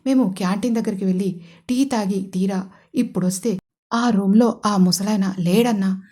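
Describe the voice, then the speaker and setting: A woman's voice: medium pitch, moderate pace, dark tone, lightly acted. A woman narrator voicing a frightened henchman who stammers and hesitates as he reports bad news. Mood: fearful. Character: timid frightened male henchman. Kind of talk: audio story character voice.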